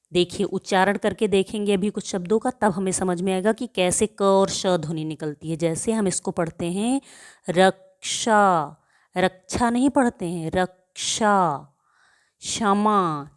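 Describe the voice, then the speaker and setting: A woman teacher with a medium-pitched, slightly mellow voice gives children a grammar lesson. She asks questions and answers them herself, stretching out example words so pupils hear the pronunciation. Her delivery is slow and deliberate, repeating questions and answers as a drill.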